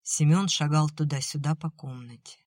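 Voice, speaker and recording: A woman narrating an audiobook at a measured, even pace. Her voice sits fairly low, and the recording is dry and close-miked, with no room sound. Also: no room sound.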